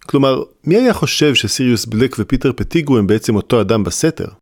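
A man voicing a clever, sarcastic young boy wizard in an audiobook reading, with a dry, deliberate delivery. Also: mid-range voice, lively intonation, no echo. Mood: sardonic. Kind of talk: audiobook character voice.

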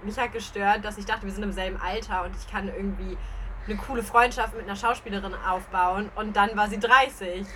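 Bright young woman in casual chat. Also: mid-range voice, a little fast, slight background noise. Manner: laughing, teasing, lively banter. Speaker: podcast co-host. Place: flat.

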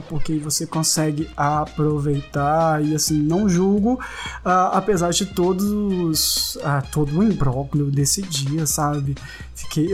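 A man hosting a podcast, reading listener comments aloud in a casual, playful, slangy way with lively jumps in pitch. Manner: animated, playful, slangy, jumps between high and low pitch. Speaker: podcast host.

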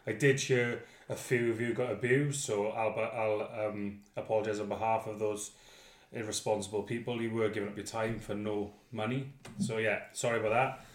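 A man's voice: on the low side, flat delivery, normal speed. Chatty man, roomy sound. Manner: chatty, jokey. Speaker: podcast co-host. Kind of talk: casual chat.

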